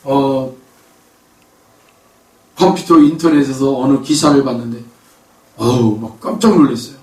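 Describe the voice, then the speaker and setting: A man's voice: medium pitch, unhurried, dark tone. A male pastor preaching a sermon, emphatic, with rhetorical questions and bursts of raised voice. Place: church sanctuary. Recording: echoey church hall from far off.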